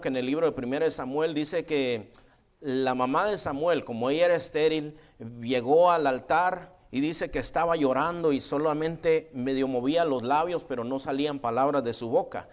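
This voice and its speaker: Conversational pastor preaching to his congregation. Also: on the high side. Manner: conversational preaching, often adds "hermano" and "¿verdad?"; slow, deliberate congregational reading of scripture. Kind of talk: sermon. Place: church sanctuary.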